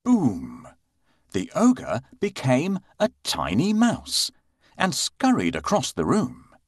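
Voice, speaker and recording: A man narrating a bedtime story for children, slow and expressive, with playful sound effects. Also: mid-range voice, no echo.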